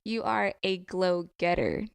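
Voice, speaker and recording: A woman co-hosting a casual podcast, relaxed, laughing easily and explaining things with a few fillers. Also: fairly low pitch, slow, gravelly, clean tone, no room sound. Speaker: podcast co-host.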